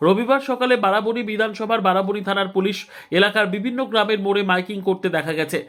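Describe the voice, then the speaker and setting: High-voiced man reading news quickly. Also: fairly even intonation, fairly bright tone. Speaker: news reporter. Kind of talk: scripted news narration.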